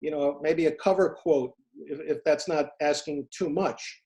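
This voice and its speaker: Middle-aged guy from the states, kinda high voice, lots of uh and restarts, earnest storytelling. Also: fairly even intonation, dark tone. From United States. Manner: halting, many fillers and restarts, earnest. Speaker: interview guest, former FBI agent turned private investigator. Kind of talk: casual interview, storytelling.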